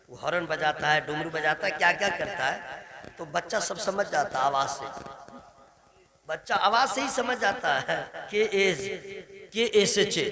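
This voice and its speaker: A man preaching a sermon to a gathering, telling a story and speaking directly to his listeners. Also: fairly high pitch. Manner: storytelling, addressing the crowd directly. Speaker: Islamic preacher. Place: religious gathering before an audience. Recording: crowd audible behind.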